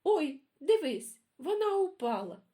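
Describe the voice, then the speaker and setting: Жінка озвучує хитру сороку, яка високим голосом заперечує крадіжку. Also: female voice, sing-song, unhurried, dark tone. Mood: defensive. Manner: defensive, high. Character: sly female magpie denying theft.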